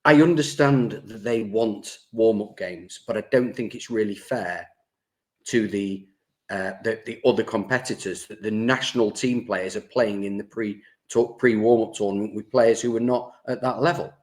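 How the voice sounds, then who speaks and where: A man's voice: lowish voice, normal speed. A man co-hosting a sports podcast, chatting casually and teasing his partner, with many restarts. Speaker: podcast co-host.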